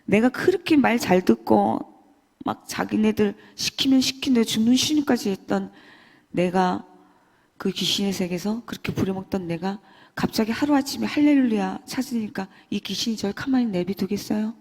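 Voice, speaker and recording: A woman giving an emotional church testimony, swinging between loud and hushed. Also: medium pitch, normal speed. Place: church hall. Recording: long church hall reverb.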